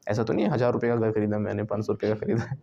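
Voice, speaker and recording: A man's voice: fairly low pitch, very fast, vocal fry, warm tone, muffled recording, slight background noise. A man teaching an English lesson to a class in Hindi mixed with English. He asks questions and has the students repeat words after him. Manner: drills the class with questions and repetition.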